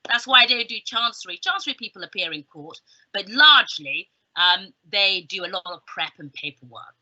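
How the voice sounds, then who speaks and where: A middle-aged woman from southern England, speaking at normal speed in an animated, medium-pitched voice with a sharp tone, gives an informal, chatty careers talk as a guest speaker. Her delivery is emphatic and peppered with humorous asides. She's on a video call from a small indoor room with bookshelves, and the sound is slightly dull.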